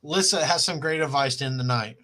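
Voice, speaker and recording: A man's voice: mid-range voice, fairly quick, pushed and bright. A middle-aged man with a Wisconsin accent, co-hosting a crude, joking comedy chat on a video call and laughing often. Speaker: podcast co-host.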